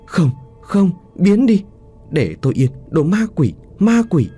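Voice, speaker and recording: Pregnant young woman, shrieking in terror, high and loud, man voicing her. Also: sing-song, takes it slowly, breathy edge, soft background music, exaggerated voice. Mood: terrified. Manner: screaming in terror.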